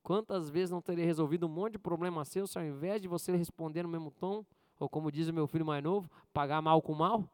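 Pastor preaching. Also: male voice, fast, clean tone, dry recording. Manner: swings between loud high bursts and quiet low asides. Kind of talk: sermon.

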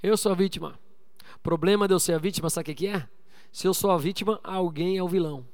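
High-voiced pastor preaching. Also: male voice, fast, big-room sound. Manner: preaching with call-and-response to the congregation; swings between loud exhortation and low quiet asides. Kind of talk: sermon.

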